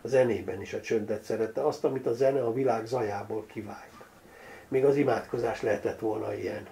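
A man's voice: on the low side, steady tone, creaky, dark tone, slight background noise. An older man reading his own novel aloud, dry and wry, announcing page numbers and footnotes along the way.

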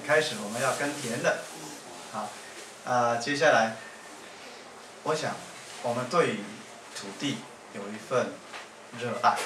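A man from Yilan, Taiwan, with a Taiwanese accent, talking to an audience between songs in warm, repetitive, build-up phrases with small laughs. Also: medium pitch. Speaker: singer and speaker. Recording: echoey room, far from mic, faint noise.

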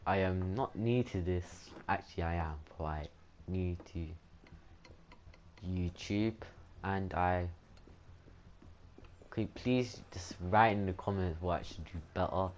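A man with a low voice commentates casually over a video game. He rambles, swears and gets excitable. The recording is a little noisy, with game sound behind him. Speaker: gaming YouTuber.

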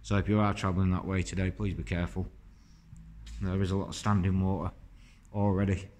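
A man's voice: sits low, level tone, fairly quick, darkish tone. A man, chatting casually as he films a walking tour through an old stone church on a handheld phone. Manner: chatty, rambling, admiring. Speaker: vlogger.

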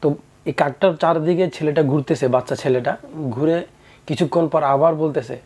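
A man's voice: a little high, fairly even intonation, fairly quick, a little mellow, breathy edge. A young man earnestly telling a moral story about parents and children, in a preachy tone with repeated lessons. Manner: earnest, preachy, with acted quotes.

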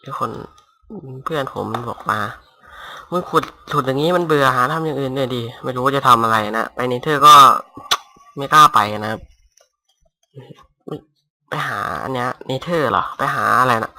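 A young man casually commentating his Minecraft game at home on a headset mic, talking softly and rambling. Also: medium pitch, fairly even intonation, normal speed, pauses often. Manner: rambling, talks softly to avoid disturbing neighbors. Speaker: gaming YouTuber. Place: home room. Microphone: cheap gaming headset mic.

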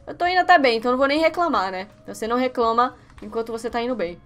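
Young brazilian girl doing let's-play commentary, high bright voice, jumpy and yelpy. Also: very fast. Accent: Brazilian Portuguese. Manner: excitable, yelps and shrieks when failing. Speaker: gaming youtuber. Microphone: webcam setup.

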